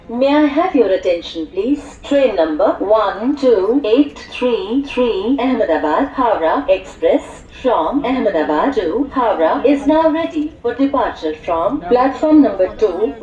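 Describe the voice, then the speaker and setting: A woman's voice: fairly high pitch, warm tone. A woman with an Indian English accent making a formal, scripted train announcement over a muffled station public-address system. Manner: formal, repeated set phrases. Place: railway station, heard over loudspeakers. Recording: muffled echoey station PA, distant, dull.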